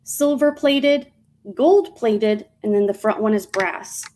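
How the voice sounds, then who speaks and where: Woman, casual live-stream seller, slightly high pitch, rambling, fillers and self-corrections. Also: takes it slowly, darkish tone, a little hiss or hum, low-quality recording.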